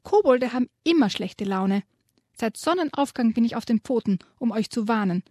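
Woman doing a shrill, frantic little rat. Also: expressive, normal speed, warm tone, dry recording, studio quality. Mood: indignant. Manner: shrill, urgent, agitated. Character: small excitable female rat, anxious and indignant. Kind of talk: reading a children's book aloud.

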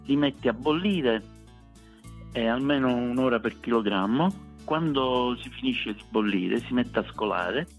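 A man's voice: mid-range voice, measured pace, soft background music. A man with a Sicilian accent chatting casually as an interview guest, emphatic and fond of repeating words to drive a point home. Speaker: street food cook, interview guest. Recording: echoey room, dull lo-fi sound.

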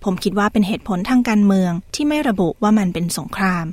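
A woman's voice: mid-range voice, expressive, fast talker, a little mellow, no room sound. A woman narrating a scripted news feature as a radio presenter, formal and carefully enunciated.

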